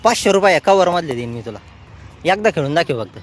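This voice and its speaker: A man's voice: fairly high pitch, lively intonation, quick pace, a crowd in the background, background noise. A man, giving chatty, teasing vlog commentary outdoors. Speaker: vlogger.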